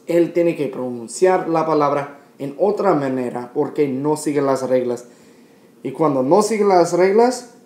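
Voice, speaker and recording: A man teaching a grammar lesson, explaining patiently and repeating key points with frequent pauses. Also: a little high, dark tone, roomy sound. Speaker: Spanish teacher. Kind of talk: classroom explanation.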